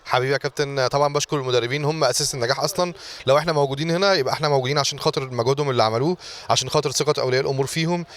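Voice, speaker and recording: A man's voice: medium pitch, steady tone, rapid-fire, a bit bright. An Egyptian man who runs a sports academy, answering interview questions earnestly and repeating thanks.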